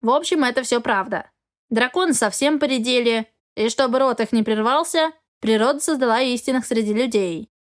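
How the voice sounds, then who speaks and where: Woman doing a grumpy old male raven, senile, snorting, scolding, storybook, fairly high voice. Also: moderate pace, close to an everyday voice. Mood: confiding.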